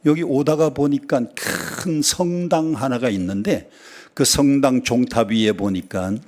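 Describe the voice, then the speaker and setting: Man, pastor, sermon in a church, animated storytelling, playful dialect jokes. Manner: lively storytelling with sudden high exclamations and dialect jokes. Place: church sanctuary.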